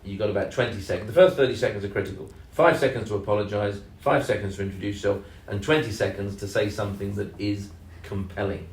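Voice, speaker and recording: A man co-hosting a casual podcast, speaking in a measured, hesitant way with many ums and leaning hard on key words. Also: on the low side, steady tone. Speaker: podcast co-host and sales trainer. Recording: roomy echo, mic at a distance.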